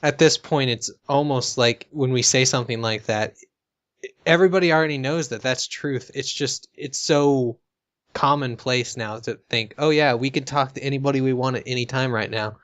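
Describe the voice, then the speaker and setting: An American man co-hosting a casual podcast chat, easygoing and quick to laugh, talking in long musing turns. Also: medium pitch, fairly bright tone, muffled recording. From United States. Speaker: co-host.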